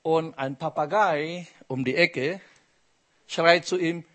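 A man's voice: a little high, takes it slowly, fairly bright tone. A man preaching a sermon with emphasis, asking the congregation questions as he goes.

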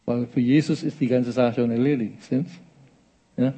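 A man's voice: mid-range voice, steady tone, normal speed, warm tone, slightly rough. A man preaching a sermon in a conversational way, often checking in with his listeners.

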